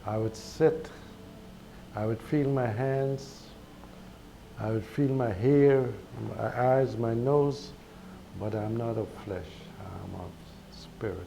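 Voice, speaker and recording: A man from Guyana with a Guyanese accent, telling a personal spiritual testimony in a slow, halting way with repeated words. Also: medium pitch, dark tone, low-quality recording. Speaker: speaker sharing a spiritual testimony. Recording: recorded with clear background noise.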